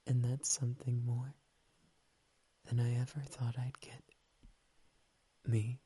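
A speaker performing an ASMR roleplay as a doting partner, whispering softly, close to the mic, affectionate and teasing. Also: mid-range voice, level tone, slow pace, slight background noise. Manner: soft, intimate whispering.

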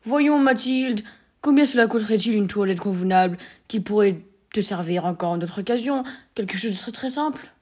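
A woman's voice: medium pitch, normal speed, warm tone, natural voice. Brief: woman voicing a fussing male clerk, eager, a little stammering, storybook reading. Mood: coaxing. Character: flustered, eager-to-please male clerk husband.

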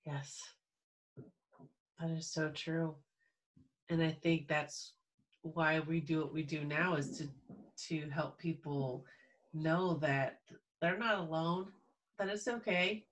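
A podcast host who reacts warmly and adds thoughts during the interview. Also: medium pitch, steady tone, slow, long pauses, poor audio. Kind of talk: interview chat.

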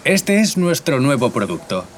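A man's voice: medium pitch, very animated, unhurried, slight background noise. A man acting as a courteous shop salesman in a scripted learner dialogue, speaking in a formal sales manner. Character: polite adult male shop salesman.

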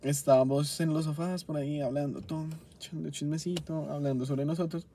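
A man's voice: on the high side, fairly even intonation, mellow, slight background noise. Profane young Bogotá man ranting in a car. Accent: Colombian Spanish, Bogotá. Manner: profane, exasperated, quick to flare up. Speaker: podcast host. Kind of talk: casual storytelling rant. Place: inside a car.

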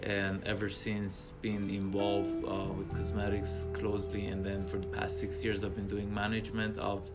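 A man from Armenia speaks in a very low, flat, gravelly voice, answering interview questions hesitantly and pausing to find his words. Loud guitar music plays under him throughout. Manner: hesitant, many fillers and restarts. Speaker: spa co-owner, guest.

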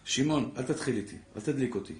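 A man, a rabbi, giving an impassioned Torah class to a live audience, calling listeners brother and building to loud exhortation. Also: medium pitch. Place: lecture room with a live audience. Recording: echoey room with faint background noise.

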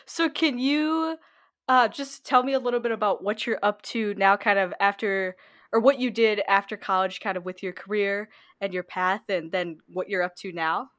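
A woman's voice: mid-range voice, fairly even intonation, moderate pace, fairly bright tone. A young woman hosting an interview podcast, earnestly introducing the show and asking her guest questions. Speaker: podcast host.

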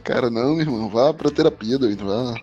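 Fast-talking man, slightly husky. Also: mid-range voice, darkish tone, highs cut off. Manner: slangy, teasing. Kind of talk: casual podcast banter.

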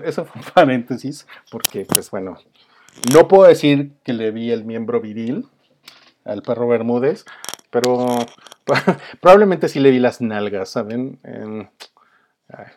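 A man's voice: mid-range voice, darkish tone. A Mexican man hosting a casual home monologue, rambling with many fillers and chuckling often. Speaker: host. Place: home, with a dog nearby.

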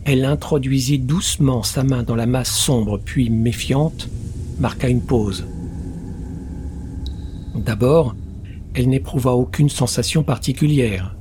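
Man, audiobook narration, measured, middle pitch, faint background hiss. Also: darkish tone. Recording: roomy long reverb, faint noise.

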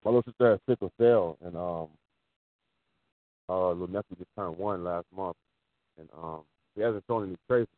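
A man calling in by phone, talking in a halting way with many fillers while the call breaks up and drops out. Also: low-pitched, no echo. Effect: phone call breaking up, dropping out. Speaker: caller. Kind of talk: casual call-in chat. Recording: tinny phone line with faint noise.

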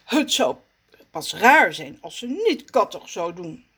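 A woman doing a calm, kindly moustached man. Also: medium pitch, slow pace, slightly rough, heavily acted. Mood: mild. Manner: soothing and patient.

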